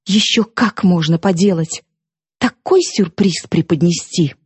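A woman's voice: lowish voice, a little slow, slightly rough, no echo. A woman reading an audiobook, voicing a defiant, mocking young woman who lashes out at her sister. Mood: scornful. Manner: sharp, mocking, impassioned outbursts.

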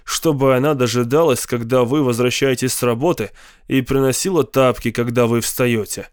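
A man's voice: medium pitch, normal speed, clear, resonant tone, no echo, clean studio sound, lightly acted. A man reading a sullen teenage brother. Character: gloomy, withdrawn teenage older brother.

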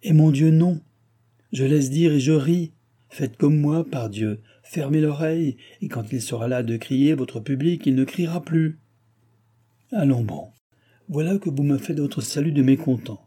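Guy doing a whiny old king, husky, raises his voice a lot, complains nonstop, audiobook. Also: on the high side, a little slow, dark tone. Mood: exasperated. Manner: exasperated, complaining outbursts. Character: irritable aging male king, petulant and self-pitying. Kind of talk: audiobook character reading.

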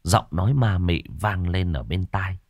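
A man narrating a ghost story in a dramatic, expressive storytelling manner. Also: low-pitched, a little slow, music in the background.

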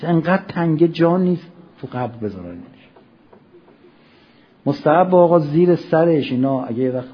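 Impassioned preacher, husky voice. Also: male voice, medium pitch. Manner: impassioned, rhetorical questions, swings between soft and loud. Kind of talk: Ramadan sermon. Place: mosque hall. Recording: dull lo-fi recording.

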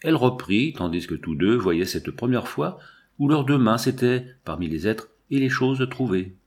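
A man reading a literary novel aloud in a measured, dramatic narration. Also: mid-range voice, expressive, darkish tone. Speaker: audiobook reader.

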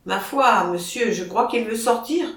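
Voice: mid-range voice, unhurried, fairly bright tone. A reader voicing a plain-spoken, deferential cattle herdsman who reports to his boss. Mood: calling. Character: humble cattle herdsman, grown man. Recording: roomy, distant mic.

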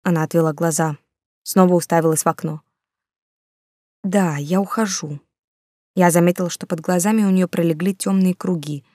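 Brief: woman audiobook narrator, measured scripted reading, low voice, dry close mic. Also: fairly even intonation, warm tone, no room sound. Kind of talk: scripted first-person narration.

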